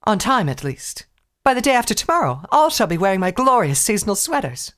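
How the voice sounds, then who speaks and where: A man's voice: sits high, very animated, fairly quick, fairly bright tone, voice pushed up. A man voicing a refined, theatrical pony mare in a read-aloud fan story. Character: posh elegant young pony mare.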